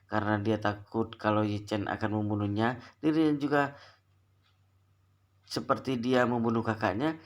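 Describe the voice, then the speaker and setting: A man narrating a novel in a steady storytelling voice. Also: fairly low pitch, moderate pace, long pauses. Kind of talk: reading a novel aloud.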